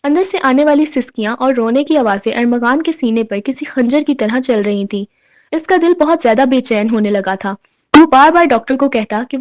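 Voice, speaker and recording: A woman's voice: sits high, darkish tone. A woman reading a romantic novel aloud, voicing both lovers' lines in her own voice. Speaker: narrator.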